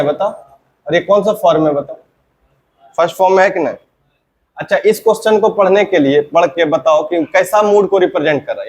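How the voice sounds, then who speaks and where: A man teaching an English grammar lesson to a class, asking the students questions and answering them himself, and saying example sentences slowly again and again. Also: sits high, lo-fi sound.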